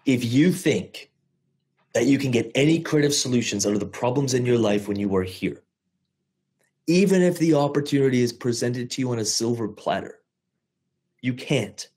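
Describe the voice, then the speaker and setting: A man in his thirties giving a motivational talk to investors, animated, swearing casually, speeding up and slowing down for emphasis. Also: medium pitch, breathy edge. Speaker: host of investor mindset call.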